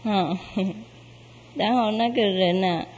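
A woman telling a spiritual parable in a casual, meandering way with many fillers and soft chuckles. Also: medium pitch, slow. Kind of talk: casual storytelling. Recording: long hall reverb.

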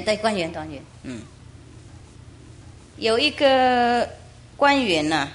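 A woman from Taiwan, a spiritual teacher, telling a moral story in a chatty, animated way and often asking listeners questions. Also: on the low side, a little hiss or hum. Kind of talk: storytelling sermon.

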